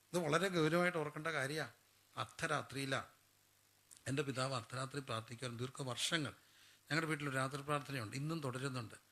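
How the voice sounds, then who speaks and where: A man's voice: medium pitch, pushed and bright. A man preaching a sermon. He keeps putting questions to the congregation and answering them himself.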